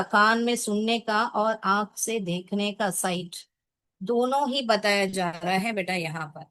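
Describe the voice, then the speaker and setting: Slow, patient woman teacher. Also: fairly high pitch, a bit bright, dry recording. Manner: patient, mixes Hindi and English, calls pupils "beta". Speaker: English teacher. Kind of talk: online class explaining a poem. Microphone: video call.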